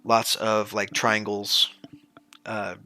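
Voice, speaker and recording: A man acting as game master, narrating and explaining rules in a casual, sweary way with halting descriptions. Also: lowish voice, completely flat delivery, pushed and bright, no echo.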